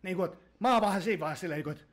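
A man hosting a podcast, ranting heatedly and profanely and mocking people in whiny voices. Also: high voice. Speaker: podcast host.

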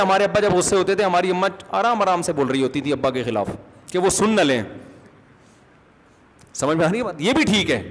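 A male religious scholar giving a conversational lecture, asking his listeners questions as he talks. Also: sits high. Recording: long hall reverb.

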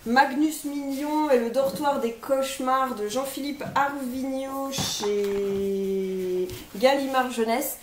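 A woman's voice: high voice, takes it slowly. A young woman vlogger casually presenting her book pile, hesitant and full of fillers as she names title after title. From France. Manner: hesitant, many fillers, lists titles one by one. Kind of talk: casual chat presenting books. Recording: echoey room, faint noise.

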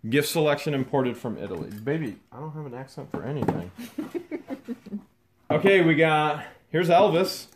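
Male vlog host, casual and chatty, keeps up excited commentary as he unboxes on camera. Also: on the high side, moderate pace, a little hiss or hum. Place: dusty garage.

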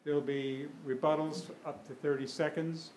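Older man moderating in a roomy hall. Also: a little high. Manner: relaxed, halting, many fillers. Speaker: event moderator. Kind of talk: opening remarks at a public forum. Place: school meeting room, at a podium. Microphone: podium microphone. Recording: roomy hall with faint room noise.

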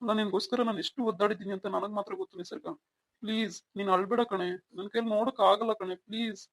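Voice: medium pitch, steady tone, fast talker, a bit bright, no room sound. A performer voicing a devoted young husband in an audio drama who keeps coaxing with questioning hums and then snaps in anger. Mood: pleading. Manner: coaxing, repeats questioning "hmm?". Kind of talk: amateur Kannada audio drama.

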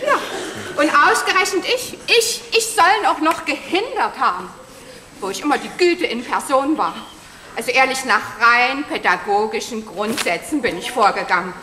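A woman's voice: on the high side, expressive, normal speed, sharp tone. An actress playing a dramatic, self-pitying woman whose partner has left her, in a stage comedy, talking in a breathless, tearful gush. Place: theater stage. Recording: echoey theater hall with audience laughter. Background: audience laughter.

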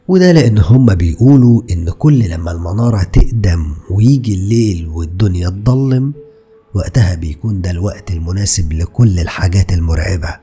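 A man in his thirties with an Egyptian accent, narrating scary stories as a channel host with dramatic delivery and hushed words, close to a desk mic in a studio. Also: fairly low pitch. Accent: Egyptian Arabic. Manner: dramatic, lively storytelling with sudden hushed words. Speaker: horror storyteller host. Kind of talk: scripted horror narration. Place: dark indoor studio. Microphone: desk mic close to mouth.

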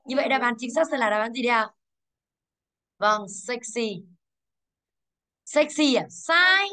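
Woman, English teacher, classroom, quizzing pupils, fairly high voice. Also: expressive, measured pace, sharp tone. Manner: quizzing pupils, drilling pronunciation. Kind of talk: classroom lesson.

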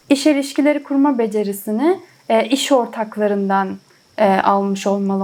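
A woman teaching a language lesson. She reads game dialogue, repeats each phrase slowly word by word, and translates it in a casual, thinking-aloud way. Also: on the high side, a little mellow. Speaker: French teacher.

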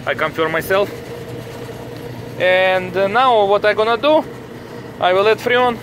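A repair technician, a man with a heavy Russian accent, explaining his hands-on work in halting, repetitive phrasing. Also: high voice, a bit bright. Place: outdoors on a commercial rooftop. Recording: noisy outdoor handheld recording, traffic ambience.

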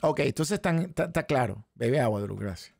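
A man with a Venezuelan Spanish accent, hoarse, teaching a live trading lesson and firing rhetorical questions at his viewers. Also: medium pitch, a little fast, no echo, studio quality. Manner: animated, talks straight to the chat audience with frequent rhetorical questions. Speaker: trading instructor.

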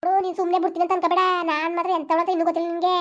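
A woman's voice: extremely high pitch, little pitch movement, very fast, lo-fi sound. A woman playing an angry village moneylender who scolds and threatens a debtor in a village drama. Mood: scolding.

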